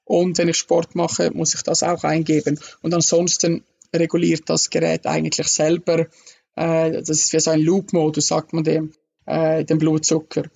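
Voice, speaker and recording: Gravelly-voiced man, hesitant. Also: fairly high pitch, monotone, moderate pace, a little mellow. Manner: hesitant, many fillers. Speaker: guest. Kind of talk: casual interview chat.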